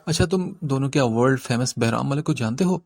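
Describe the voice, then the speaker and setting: A man's voice: darkish tone, no echo, studio quality, natural voice. A man reading an audiobook voices a tearful, hot-tempered young woman who cries one moment and threatens the next. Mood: tearful, bossy. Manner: sobbing complaints turning to shrill threats.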